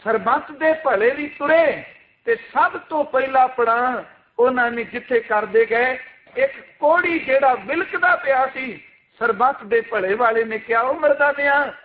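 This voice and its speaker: A man with a very high voice delivers an impassioned Sikh sermon, pressing his listeners with rhetorical questions. His voice comes through thin and tinny, like over a phone line. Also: lively intonation, unhurried. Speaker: Sikh preacher. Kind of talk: religious sermon with recited scripture.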